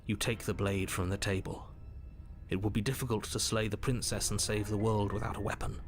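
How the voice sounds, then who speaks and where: An actor playing a stern storybook narrator in a dark fairy-tale video game, measured and ominous. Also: male voice, lowish voice, flat delivery, a little hiss or hum, close to an everyday voice. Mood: grave, ominous.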